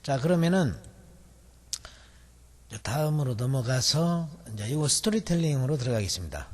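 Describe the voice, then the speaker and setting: A man's voice: medium pitch, lively intonation, moderate pace, very noisy. A male instructor teaching a memory technique in a recorded video lecture, explaining step by step with many fillers. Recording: long hall reverb.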